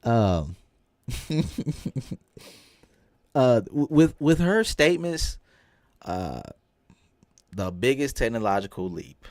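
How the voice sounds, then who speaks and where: A man hosting a podcast in loose, casual chat, his pitch swinging widely as he jumps from loud exclaims to low mutters. He talks slowly and draws things out. The sound is dry and close, with no room around it. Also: big pitch swings, dry recording. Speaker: podcast host.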